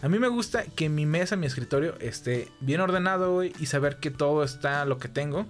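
Slangy Mexican man, fairly high voice. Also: animated, a little fast, soft background music. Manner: slangy, profane, rambling with many fillers. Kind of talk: casual chat.

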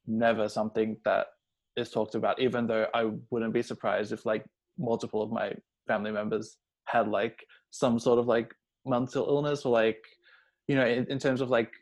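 A young adult man talks casually about personal things in a fairly low, slightly mellow voice. He's hesitant and rambling, leaning heavily on filler words, especially "like."

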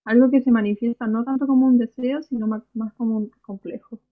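A young woman co-hosting a casual podcast, telling animated stories about school days. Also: on the high side, fairly quick. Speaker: podcast co-host. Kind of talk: casual chat. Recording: slightly dull lo-fi sound.

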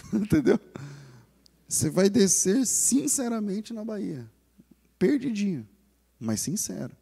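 A man with a Brazilian Portuguese accent preaching a sermon as pastor, animated and acting out the inner voices of lost people. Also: high voice, slow, gravelly, long pauses, breathy edge, in a large hall.

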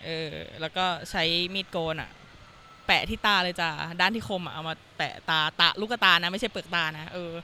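A woman's voice: fairly low pitch, normal speed, pushed and bright, slight background noise. A woman guest telling her experiences in a chatty, rambling way, full of fillers. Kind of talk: casual conversation.

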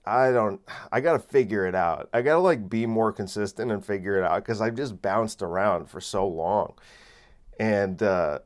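A man in his late twenties hosting a casual solo podcast, rambling with many fillers and restarts, recorded on a microphone. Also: lowish voice. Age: late 20s. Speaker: podcast host. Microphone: phone camera and separate microphone.

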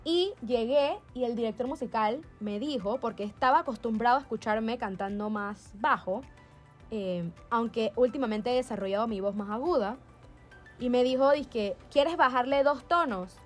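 A young woman from Panama chats casually, spinning animated anecdotes and mimicking the people in them. Her voice sits a little high, with soft music faintly behind her. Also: normal speed. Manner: animated storyteller, acts out quoted voices, laughs often. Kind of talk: casual storytelling chat.

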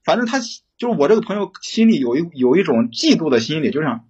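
A young man calling in for relationship advice, telling his story in a rambling, halting way with many restarts. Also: on the high side, very animated, dull audio, noisy background. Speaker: caller seeking relationship advice. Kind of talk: casual phone-in storytelling.

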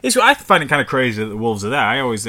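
A man's voice: medium pitch, sing-song, very fast, bright, forceful tone. A man with a northern English accent, chatting casually and swearing as he reads out history facts. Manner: rambling and sweary, reading facts aloud. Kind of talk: casual chat.

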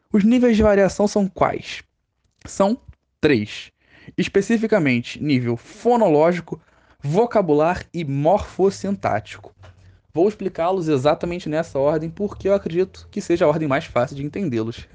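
A man's voice: high voice, dark tone. A man with a Brazilian Portuguese accent explaining a lesson on a podcast, asking questions aloud and answering them himself. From Rio de Janeiro, Brazil. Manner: asks and answers his own questions. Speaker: teacher.

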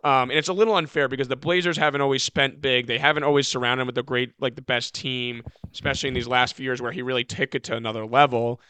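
A man's voice: mid-range voice, fairly even intonation, fast talker, hardly any pauses, bright, forceful tone, clean tone, no room sound. A man co-hosting a sports podcast, rambling in casual chat and often correcting himself as he goes. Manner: rambling, self-correcting, many "like" fillers. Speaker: podcast co-host.

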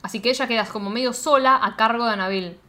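A young woman with an Argentine accent, co-hosting a casual reaction podcast in an animated, slangy way. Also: on the high side, fast talker. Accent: Argentine Spanish. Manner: animated, slangy, laughing asides. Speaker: podcast co-host.

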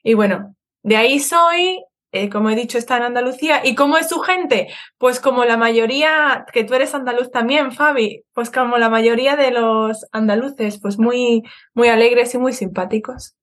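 Born in Madrid and now from Seville, this woman has a southern Spanish accent and a fairly high, fairly bright voice, talking at normal speed with hardly any pauses. She's an online Spanish teacher appearing as a podcast guest, casually explaining things in an interview chat and correcting herself as she goes.

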